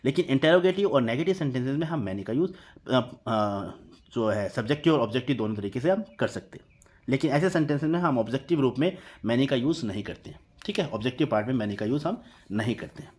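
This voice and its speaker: Man teaching grammar, slow example readings. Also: mid-range voice, lively intonation, darkish tone, slightly rough. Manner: reads example sentences slowly, then explains with frequent "theek hai". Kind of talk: explaining a lesson in Hindi.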